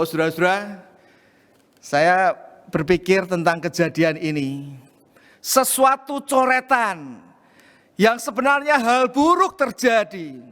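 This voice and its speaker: High-voiced pastor preaching in a reverberant hall. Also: male voice. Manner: animated storytelling, often addressing the congregation as "saudara". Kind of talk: sermon with a personal story.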